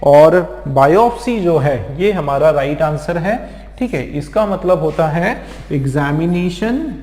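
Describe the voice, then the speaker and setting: A male vocabulary teacher from India lectures with patient, repetitive explanations, checking in with his students again and again. His voice sits somewhat high for a man. The recording carries a roomy echo with a long reverb tail. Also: animated, a little mellow. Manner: explains slowly with many repeated check-ins. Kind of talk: exam-prep lecture. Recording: echoey room with long reverb.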